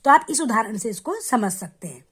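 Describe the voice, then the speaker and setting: A woman's voice: fairly high pitch, expressive, fairly bright tone. Patient woman teaching children. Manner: patient, explains step by step, addresses children directly; repeats sounds slowly and clearly to demonstrate. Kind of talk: children's Hindi grammar lesson.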